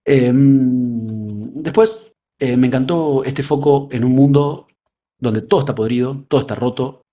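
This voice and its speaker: A man's voice: mid-range voice, measured pace, dark tone, highs cut off. A man with a Rioplatense Spanish accent, co-hosting a casual film discussion podcast, rambling with frequent filler words. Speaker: podcast co-host.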